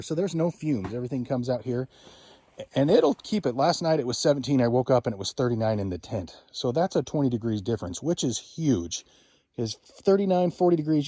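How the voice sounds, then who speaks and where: A man chats in an upbeat, easygoing way as he tours his winter camp, pointing out his gear as he goes. His voice sits at an ordinary middle pitch. It sounds like a casual outdoor vlog recorded on a camera mic. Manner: upbeat, chatty, shows things as he talks. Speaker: vlogger. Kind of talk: casual camping tour vlog. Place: wall tent and snowy camp outdoors in the cold.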